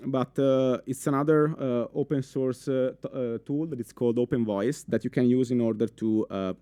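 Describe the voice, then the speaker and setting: Clear and resonant, a young man's mid-range voice carries an Italian accent as he delivers a live talk to a crowded conference room at a normal pace. He's animated and questions the audience, with frequent fillers and restarts, and there's no echo.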